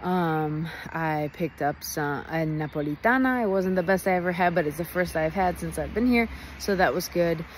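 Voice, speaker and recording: A young woman talks through her day in a loose, rambling travel-vlog recap with a slightly low voice. She laughs easily. Faint road noise hums behind her phone recording. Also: normal speed, hardly any pauses. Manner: chatty, rambling, laughs often. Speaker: travel vlogger. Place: outdoors near a highway.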